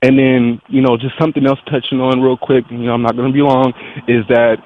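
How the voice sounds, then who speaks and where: A man's voice: mid-range voice, flat delivery, brisk. A man calling in to a radio show on a speakerphone, telling his story in a plain, matter-of-fact way. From US Pacific Northwest. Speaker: caller. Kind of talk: call-in radio talk. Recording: tinny speakerphone line with faint hiss.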